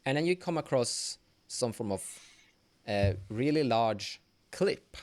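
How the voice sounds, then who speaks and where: A man narrating as game master of a tabletop horror game, in slow, halting speech with self-corrections. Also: mid-range voice, animated.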